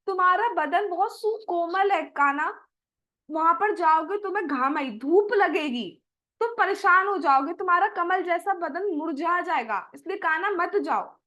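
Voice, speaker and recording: A woman's voice: extremely high pitch, expressive, unhurried, pushed and bright, heavily acted. A woman voicing Krishna's loving mother, fondly coaxing her little son to stay home. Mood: worried. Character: loving, worried mother Yashoda.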